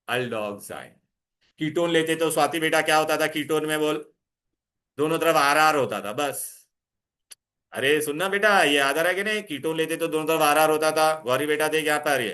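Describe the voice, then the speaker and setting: Bright-voiced man lecturing a class. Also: a little high. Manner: coaxing, asks students questions constantly; mixes Hindi with English terms. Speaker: chemistry teacher.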